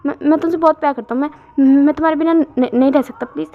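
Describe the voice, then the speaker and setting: A woman's voice: high-pitched, steady tone, racing. A woman voicing a lovestruck young man who pleads in tears, stammering and repeating words. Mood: pleading. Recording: dull lo-fi recording.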